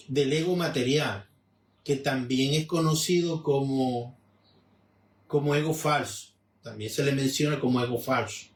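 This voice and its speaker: Off-mic in an echoey room, a medium-pitched man from Venezuela teaches in a measured, explanatory style, reading a religious text aloud and commenting on it. He restarts his sentences many times.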